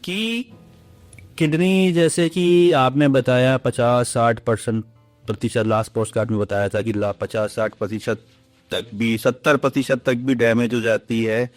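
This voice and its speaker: A man's voice: medium pitch, fairly even intonation, measured pace, no echo, faint music behind. A man hosting a health podcast, asking long, polite, meandering questions with English phrases mixed in. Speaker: podcast host. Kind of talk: interview questions.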